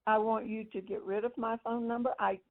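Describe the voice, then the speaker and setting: A woman's voice: on the high side, fairly even intonation, a little fast, crowd noise. A woman on a phone call, stern and scolding as she lectures the caller. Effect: heard over a phone line. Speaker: prank call target. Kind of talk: phone argument. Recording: tinny phone line.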